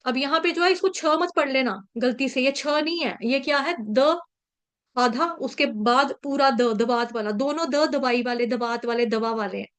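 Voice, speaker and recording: High-voiced woman teaching verse pronunciation. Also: a bit bright. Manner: patient, repeats syllables slowly to drill pronunciation. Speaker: Sanskrit verse recitation teacher. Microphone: video call.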